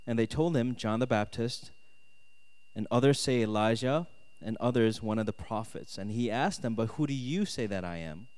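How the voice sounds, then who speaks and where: This sermon to students comes from a man who moved from South Korea to the US when he was ten, combining scripture reading and testimony. His voice is mid-range, a little mellow, clear and resonant at a moderate pace, dotted with "right?" and "okay?" check-ins. Long reverb trails through the echoey hall.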